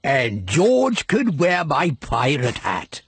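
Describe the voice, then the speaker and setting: A man's voice: fairly high pitch, wildly swooping pitch, slow pace, exaggerated voice. A man with a British accent voicing a hearty old grandfather pig playing sea captain in a preschool cartoon. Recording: music behind the voice.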